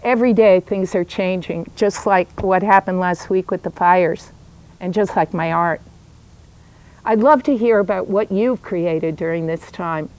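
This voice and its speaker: A woman's voice: fairly low pitch, measured pace, a little mellow, rough recording. An older woman talking informally to camera outdoors in a backyard, addressing viewers in a chatty, welcoming way as an artist presenting work. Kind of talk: informal video talk to camera about own artwork.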